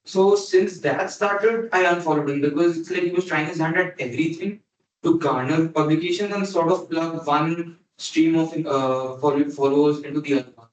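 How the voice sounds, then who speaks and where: A man's voice: on the high side, moderate pace, lo-fi sound. A man in a focus group, explaining his views steadily. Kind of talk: casual discussion. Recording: echoey distant meeting recording.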